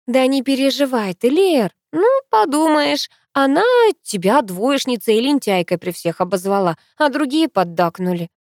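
A woman reading an audiobook, voicing a young female student who is a hesitant, soft-hearted friend. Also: high-pitched, expressive, moderate pace, few pauses, no room sound, studio quality, pitched above the performer's own voice. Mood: placating. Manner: sighing, hesitant, placating.

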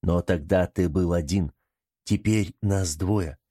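A steady young man talks calmly and reassuringly, read by a man in an audiobook. His voice is very deep and dark. The sound is dry and close. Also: takes it slowly, no echo. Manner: calm, reassuring. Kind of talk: audiobook character reading.

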